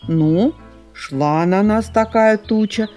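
A woman voicing a serious old male fox in a storybook, speaking gravely. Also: medium pitch, slow, mellow, soft background music, voice pushed up, lightly acted.

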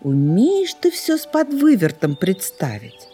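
A woman voicing a calm, kindly old grandmother fox in a storybook. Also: mid-range voice, measured pace, husky, soft background music, heavily acted. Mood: gentle. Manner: calm, gentle.

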